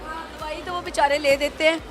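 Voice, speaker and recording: Hoarse high-voiced woman host. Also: fairly even intonation, fairly quick, music in the background, crowd noise. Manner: teasing, playful questioning. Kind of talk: casual comedic chat show.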